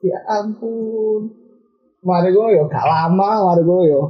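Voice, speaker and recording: A young man with a Surabaya Javanese accent chats on a podcast in an excitable way. He often leaps into mimicked sounds and mock voices with sudden high jumps. The recording is muffled and lo-fi. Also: unhurried, slightly rough. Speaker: podcast co-host. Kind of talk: casual podcast chat. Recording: dull lo-fi recording.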